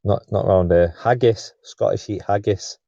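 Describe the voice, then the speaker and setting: A man's voice: fairly low pitch, normal speed, vocal fry, warm tone, no echo, lo-fi sound. A man with an English accent trading dry, sardonic quips in casual podcast banter. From England.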